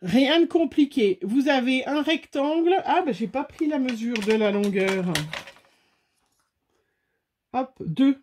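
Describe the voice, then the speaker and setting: A woman's voice: high-pitched, lively intonation, slow, long pauses, a little mellow, a little hiss or hum. A woman hosting a casual crafting tutorial, chatty and full of fillers, talking straight to her viewers. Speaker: craft video host.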